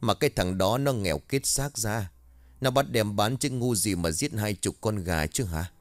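A man's voice: on the low side, moderate pace, dry recording, natural voice. A man voicing a blunt, stubborn middle-aged village farmer. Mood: gruff. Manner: blunt, dismissive.

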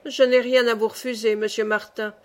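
A woman's voice: a little high, flat delivery, normal speed, close to an everyday voice. A woman voicing a kindly old male saint who keeps the gate of heaven, speaking in a genial, reassuring way.

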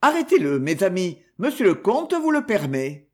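A man's voice: high-pitched, huge pitch swings, moderate pace, darkish tone. A man voicing a suave, ironic male detective in an audiobook reading, speaking in a self-assured, mocking way.

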